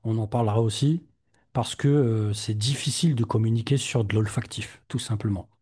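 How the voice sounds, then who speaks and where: Mellow, husky-voiced male podcast host. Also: fairly low pitch, normal speed. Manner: relaxed, hesitant with many fillers. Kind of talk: casual chat.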